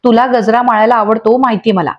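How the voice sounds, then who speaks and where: A woman's voice: on the high side, steady tone, fast, natural voice. A woman voicing an affectionate, coaxing young woman who dotes on her younger sister, on slightly dull lo-fi audio. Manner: warm, coaxing.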